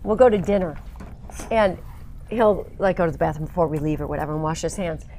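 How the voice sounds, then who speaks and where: A woman's voice: low voice, fast talker, mellow, slight background noise. A woman co-hosting a radio after-show, chatting casually and telling stories with frequent laughter. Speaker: radio co-host. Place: radio studio.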